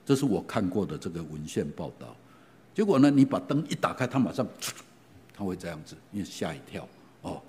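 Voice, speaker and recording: A middle-aged man preaching a sermon, retelling stories in an animated way and often asking his listeners questions. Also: low-pitched, fairly quick. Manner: animated, asks the congregation questions, frequent fillers. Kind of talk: sermon storytelling.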